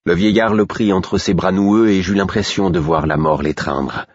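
A man reading a first-person fantasy novel aloud in a measured, dramatic storytelling manner. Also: low voice. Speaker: audiobook narrator. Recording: dull, dry lo-fi recording.

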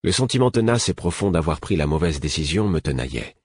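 Deep, husky male audiobook narrator. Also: expressive, fairly quick, a little mellow, no echo, studio quality. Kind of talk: scripted narration.

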